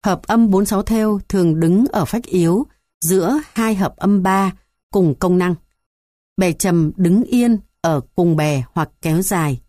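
A woman with a somewhat low voice reads a theory textbook aloud. She moves through numbered points in a steady, measured way. The sound is dry and close, with no room echo. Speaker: textbook reader.

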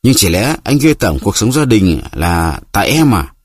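A man's voice: on the low side, big pitch swings, normal speed, no echo. Guy doing a sulky tearful wife in an audio story, whiny, accusing, dry close sound. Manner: whining, reproachful.

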